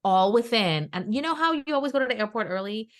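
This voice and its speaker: A woman co-hosting a podcast, telling a personal story in casual chat and acting out what others said. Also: quick pace. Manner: animated, acts out quoted dialogue in pitched-up voices; chatty and emphatic, addresses listeners as "guys". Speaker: podcast co-host.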